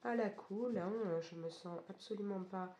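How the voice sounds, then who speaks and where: A woman chatting casually in a craft vlog, her voice hoarse and cracked from a cold. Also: mid-range voice, normal speed, warm tone. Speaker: craft vlogger. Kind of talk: casual vlog chat about colouring. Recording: roomy echo, faint background noise.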